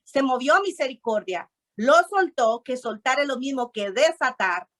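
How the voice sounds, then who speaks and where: A woman's voice: sits high, lively intonation, normal speed, fairly bright tone. A woman preaching a sermon, reading scripture aloud and stopping often to urge her listeners to repeat and underline the verses.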